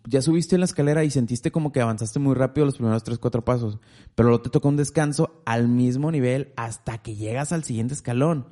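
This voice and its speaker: A man hosting a casual faith chat, telling stories and acting out quotes. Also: medium pitch. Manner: animated storyteller, acts out quotes.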